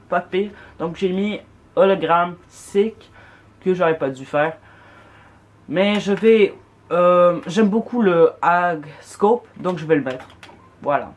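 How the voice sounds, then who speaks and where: A gamer giving a casual, unscripted walkthrough, speaking informally to viewers in a hesitant, self-correcting way. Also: medium pitch. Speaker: video game player presenting loadouts.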